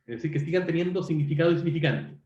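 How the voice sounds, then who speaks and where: Male lecturer, fairly high and lively delivery, self-correcting explainer, echoey room. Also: racing, muffled recording. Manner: explanatory, checks in with students; self-correcting, frequent "perdón". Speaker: university lecturer. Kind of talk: online linguistics lecture.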